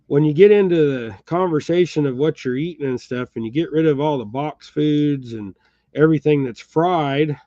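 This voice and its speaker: A man's voice: a little high, normal speed, warm tone, dry recording, muffled recording. A middle-aged American man with a slight Texas twang, chatting casually and chuckling as he ties fishing jigs and talks to viewers by name. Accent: Texas-tinged American, says y'all. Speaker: channel host. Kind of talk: casual chat while tying jigs. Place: home workshop.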